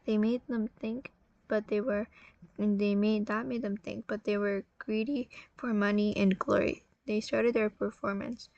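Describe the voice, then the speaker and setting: A tired woman telling a religious story in a casual, halting way, often correcting herself. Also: medium pitch, little pitch movement, creaky, a little mellow, dry recording, lo-fi sound. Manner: halting, self-correcting, apologetic.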